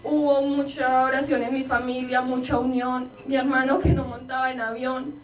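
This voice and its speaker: High-voiced woman pastor, echoey church. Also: little pitch movement, moderate pace, a little hiss or hum. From Colombia. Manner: earnest storytelling, reenacts dialogue with rising emotion. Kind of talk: personal testimony in a sermon. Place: church hall with congregation. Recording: echoey church, voice from a distance, congregation around.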